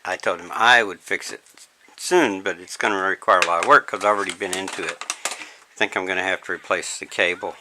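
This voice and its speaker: A man's voice: sits low, fairly even intonation, fairly quick. A father chatting casually while filming his son, coaxing the boy, heard through home camcorder audio with faint hiss. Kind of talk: casual home-video commentary.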